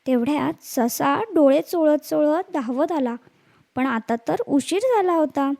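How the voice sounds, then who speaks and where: A woman telling a bedtime story to children, speaking gently and addressing them directly as a storyteller. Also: sits high, measured pace, vocal fry.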